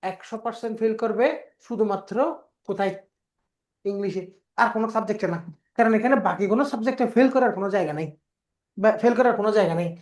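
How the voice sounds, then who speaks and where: A woman's voice: medium pitch, darkish tone. A woman teaching an exam prep class in a patient lecture style, repeating key words and asking questions that she answers herself.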